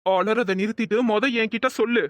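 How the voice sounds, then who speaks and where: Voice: medium pitch, fairly even intonation, fairly quick, natural voice. An actor voicing a worried young husband in a comic cartoon, speaking sternly and scolding his wife.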